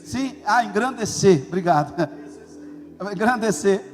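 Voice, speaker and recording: High-voiced middle-aged pastor guy, preaching hard with big stresses, long church hall echo. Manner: emphatic, animated preaching with sudden loud stresses. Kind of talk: sermon. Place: church auditorium. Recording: long hall reverb, faint music.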